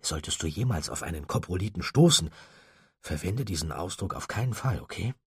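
A man's voice: low voice, expressive, a little fast, slightly rough, dry recording, clean studio sound, exaggerated voice. A man voicing a curious teenage boy explorer who speaks in a muted, wry way. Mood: teasing.

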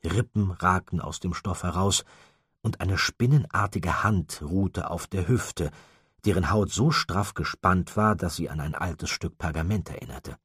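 Deep husky male audiobook narrator. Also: measured pace, a bit bright, no room sound, studio quality. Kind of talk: scripted narration.

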